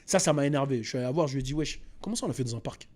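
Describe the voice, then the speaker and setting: A man host telling a personal story in a casual, animated, slangy way, with many restarts and repeats. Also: medium pitch, very fast.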